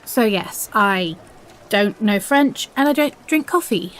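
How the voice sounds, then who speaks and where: Shy, halting, nervous young woman, acted out. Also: mid-range voice, animated, fairly bright tone. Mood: shy, flustered. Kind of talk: audio role-play, one-sided confession. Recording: faint background noise.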